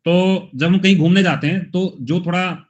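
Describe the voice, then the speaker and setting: A man's voice: high voice, normal speed, highs cut off. A male teacher from Haryana giving an exam-prep lesson, talking chattily and acting out little scenes in funny voices to help students memorize.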